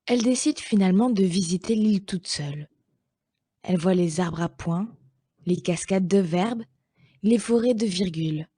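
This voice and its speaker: A woman reading a children's story aloud slowly and gently, with clear pacing. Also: on the low side, no room sound, clean studio sound.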